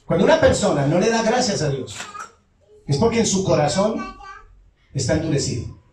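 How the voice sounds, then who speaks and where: High-voiced man preaching in an echoey church. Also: sing-song, moderate pace, a little mellow, slight background noise. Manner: asks the congregation questions and answers them himself. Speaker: pastor. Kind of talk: call-and-response sermon. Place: church sanctuary. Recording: echoey church hall from far off.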